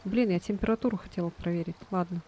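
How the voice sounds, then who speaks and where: A woman doing casual let's-play commentary as a game streamer, chatty and quick to exclaim and giggle in reaction. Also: fairly low pitch, mellow, slight background noise.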